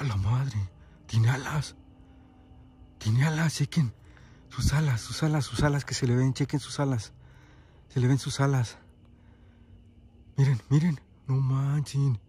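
A man's voice: mid-range voice, mellow. A man filming outdoors as a paranormal investigator, nervously repeating short exclamations. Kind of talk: on-location paranormal vlog.

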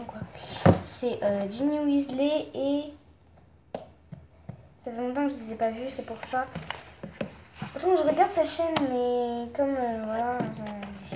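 Gushing high-voiced woman, lo-fi recording. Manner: gushing, excitable, rambling with fillers. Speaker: vlogger. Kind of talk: casual show-and-tell chat. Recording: dull lo-fi sound with faint noise.

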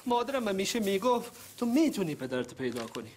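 A man's voice: sits high, sing-song, slight background noise. An actor playing an emotional village man searching for his long-lost father in a TV sitcom, talking in a melodramatic, tearful way. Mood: earnest. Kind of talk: TV sitcom acting.

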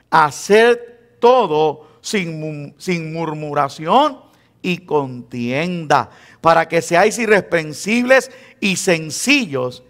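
A man with a Puerto Rican Spanish accent, preaching a sermon as pastor in a conversational, teasing way. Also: on the high side. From Puerto Rico. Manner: conversational preaching, teasing the congregation, acting out quoted believers.

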